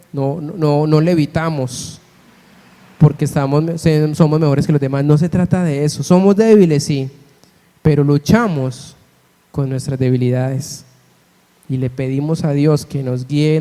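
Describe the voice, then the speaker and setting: Man, pastor, emphatic sermon, mellow voice, echoing church hall. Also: fairly high pitch. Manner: earnest, emphatic, rhetorical questions. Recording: long church hall reverb.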